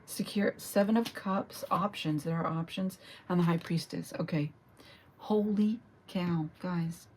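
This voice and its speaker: A woman giving a solo tarot reading, reflective and lingering over each card, sometimes slipping into a breathy whisper. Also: on the low side, steady tone, normal speed, few pauses, darkish tone. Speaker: tarot reader.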